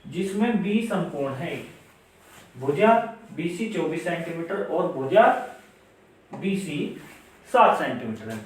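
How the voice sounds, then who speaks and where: A man's voice: high-pitched, a little hiss or hum. A male maths teacher giving a classroom lesson, patiently repeating each step and asking questions aloud. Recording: very echoey room, mic far away.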